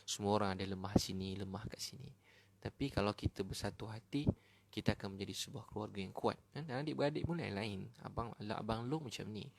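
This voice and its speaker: A Malaysian man giving a casual, animated sermon as a preacher, talking directly to his listeners. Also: lowish voice, brisk, gravelly, slight background noise. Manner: animated, chatty, addresses listeners as brothers and sisters. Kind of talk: casual sermon to an online audience.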